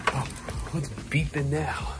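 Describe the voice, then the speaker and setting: An HVAC technician in his thirties films his workday on a handheld phone held at arm's length, chatting casually off the cuff and partly muttering to himself, often in cramped boiler basements. His voice is a little high with fairly even intonation. He speaks slowly over loud music.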